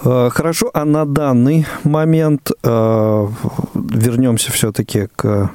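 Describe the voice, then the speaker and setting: A man hosting a casual talk, putting questions in a halting way with many pauses. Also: medium pitch, fairly even intonation, dark tone, clean tone, dry recording. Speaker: host. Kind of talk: casual interviewing.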